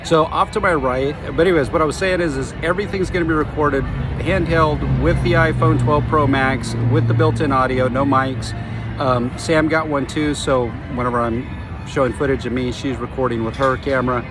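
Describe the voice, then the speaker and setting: A man's voice: mid-range voice, steady tone, normal speed, over loud music. A man giving a casual, plain-spoken camera review, correcting himself as he goes, recorded on a phone's built-in mic. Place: outdoors at a busy roadside eatery. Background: traffic and chatter.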